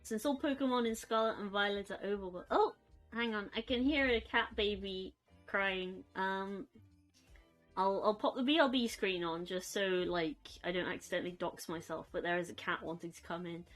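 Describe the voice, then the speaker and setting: A young woman chatting casually on a live stream from her bedroom, soft and rambling, cooing at her pets. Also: mid-range voice, moderate pace, faint music behind.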